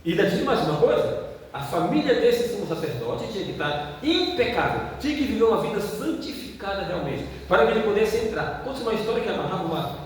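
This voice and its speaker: A man's voice: high-pitched, sing-song, fast talker. A man, an evangelist preaching a sermon in a church, who keeps asking the congregation questions. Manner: asks the congregation questions again and again. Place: church hall. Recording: echoey hall, distant mic, faint noise.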